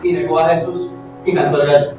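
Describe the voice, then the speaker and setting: A man with a Colombian accent preaching a sermon as pastor, animated, asking the congregation questions and swinging from loud to hushed. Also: on the high side, fairly quick. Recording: very echoey hall, distant mic, faint music.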